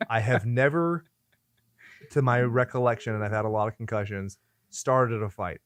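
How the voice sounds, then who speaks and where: A man's voice: medium pitch, moderate pace, clean tone, no echo. Man in crude, swearing banter. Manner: crude joking rants, heavy swearing. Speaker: podcast host. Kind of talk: casual chat.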